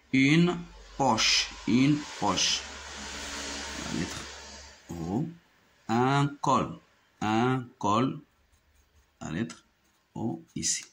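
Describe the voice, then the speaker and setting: A man teaching a children's French phonics lesson with a Moroccan French accent, saying each word slowly and repeating it twice. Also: fairly low pitch.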